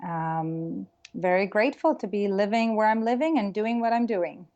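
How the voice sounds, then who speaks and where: A woman's voice: mid-range voice, moderate pace, a little mellow, dull audio. A middle-aged woman from Israel, a career coach, talking reflectively in an interview with frequent ums and restarts. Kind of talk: casual interview talk.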